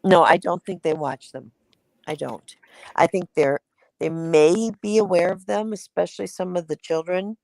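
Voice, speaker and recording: A woman's voice: fairly low pitch, steady tone, moderate pace, creaky, darkish tone, no room sound. A woman giving outspoken, indignant opinions as a guest on a casual livestream chat.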